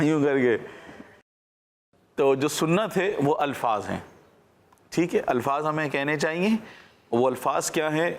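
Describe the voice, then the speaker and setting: A man with a mid-range voice presents a children's TV show, teaching patiently and quizzing his young audience in a question-and-answer style.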